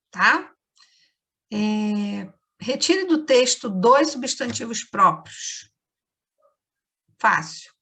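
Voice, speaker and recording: Her voice sits on the high side, a bit bright and husky. This Brazilian Portuguese-accented teacher leads a remote lesson for children, patiently walking them through every step.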